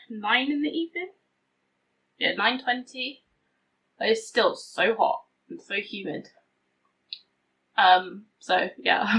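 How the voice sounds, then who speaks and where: Her mid-range voice is pushed and bright as this beauty vlogger chats casually to camera, rambling along in a self-deprecating way. She's at home in a hot room with the window open, and the audio has a slightly tinny quality.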